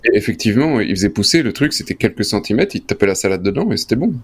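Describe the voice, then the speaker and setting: A man's voice: on the low side, expressive, fast, breathy edge. A man, co-hosting a casual podcast chat and rambling along with lots of slang and fillers. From Belgium. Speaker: co-host.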